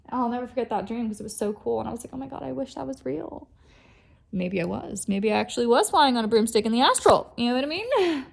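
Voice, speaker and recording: Young Californian woman tarot reader: chatty, giggly, emotional, a touch high, gravelly fry. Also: lively intonation, brisk. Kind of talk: casual spoken tarot reading.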